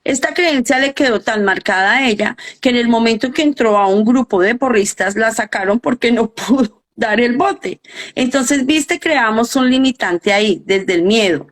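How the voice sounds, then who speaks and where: A woman's voice: a little high, normal speed. A middle-aged woman, a coach and educator, earnestly explaining her ideas in a live interview and often asking rhetorical questions.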